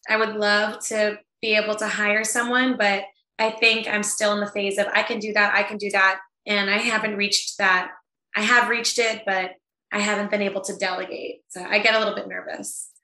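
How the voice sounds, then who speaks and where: Bright-voiced chatty woman on a call. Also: medium pitch, level tone. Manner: chatty and laid back, quick to laugh. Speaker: guest, event planner. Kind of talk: casual interview chat. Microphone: video call. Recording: echoey room.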